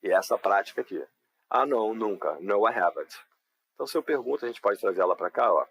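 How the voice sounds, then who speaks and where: A man's voice: on the low side, expressive, fast talker, gravelly, a bit bright, breathy edge, poor audio. A man with a Brazilian Portuguese accent teaching an English class live online, explaining patiently and often checking in with his students. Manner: patient, explanatory, frequent tag questions.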